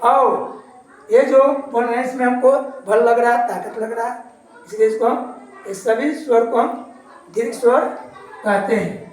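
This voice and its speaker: A woman teaching a grammar lesson, explaining slowly and repeating each point. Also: fairly high pitch, fairly even intonation, darkish tone. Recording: very echoey room, far from mic.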